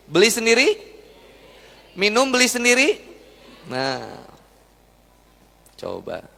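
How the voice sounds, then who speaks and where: Young male preacher, bantering with his audience, fairly high voice. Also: vocal fry, bright, forceful tone. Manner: chatty, jokey, asks the crowd questions. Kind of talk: lively sermon to a live audience. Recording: long hall reverb.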